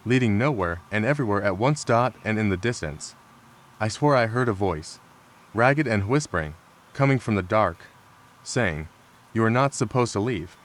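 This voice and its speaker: A man narrating true scary stories in a measured, calm storytelling manner. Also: fairly low pitch. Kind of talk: scripted narration. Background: rain sounds.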